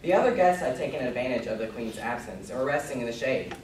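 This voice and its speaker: A man's voice: mid-range voice, animated, fast, a little mellow. Male narrator in an echoey room. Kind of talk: scripted storybook narration on stage. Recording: echoey room, distant mic, noisy.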